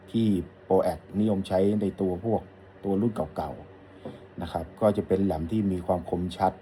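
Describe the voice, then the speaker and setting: A man's voice: deep voice, dark tone, slight background noise. A middle-aged man, an audio shop owner, casually answering a customer's question in a rambling, friendly way. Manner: rambling, friendly, polite particles. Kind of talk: casual talk to camera.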